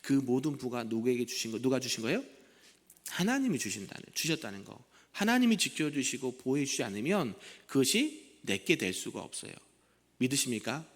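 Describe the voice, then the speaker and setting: A man's voice: mid-range voice, sing-song, a little fast, long reverb tail. A male senior pastor giving an early morning prayer sermon, conversational, often putting questions to the congregation. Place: church sanctuary.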